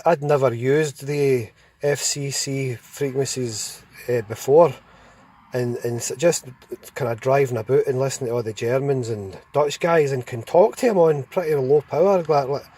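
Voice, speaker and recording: A Scottish man with a soft-edged, mellow voice of middling pitch chats over CB radio. He rambles through his anecdotes with plain enthusiasm.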